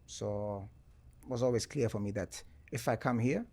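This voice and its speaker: Man telling stories, relaxed. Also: fairly low pitch, normal speed. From Germany. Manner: relaxed storytelling, peppered with "right?" and "you know". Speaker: podcast guest, sports entrepreneur. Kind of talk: casual interview chat.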